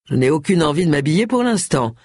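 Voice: mid-range voice, big pitch swings, quick pace, darkish tone, slightly rough, no echo, clean studio sound. A narrator doing a serene self-assured man in his forties. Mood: calm. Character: calm confident bearded man in his forties.

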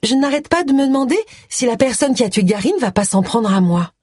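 A woman voicing a nervous, gushing wife in an audiobook reading, her voice pitched up high. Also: brisk, darkish tone, no room sound, close to an everyday voice. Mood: fluttery.

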